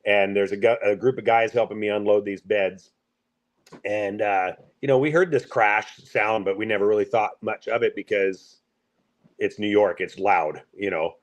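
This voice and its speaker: A man from the Pacific Northwest, a truck driver, telling a story in a casual, rambling, halting way with many fillers. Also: fairly low pitch, fairly even intonation, muffled recording.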